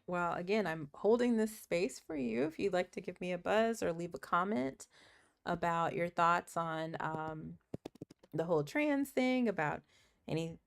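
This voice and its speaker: Croaky, chatty woman livestream host. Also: on the low side. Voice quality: croaky morning voice. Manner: chatty, earnest, laughs often, thinks aloud. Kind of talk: casual chat while doing puzzles.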